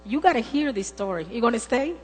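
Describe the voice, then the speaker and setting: A woman preaching a sermon, emphatic and insistent, leaning on repeated words for stress. Her voice sits a little high and rings out with a long reverb that trails through a church sanctuary. A faint electrical hum runs underneath. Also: animated, fast talker.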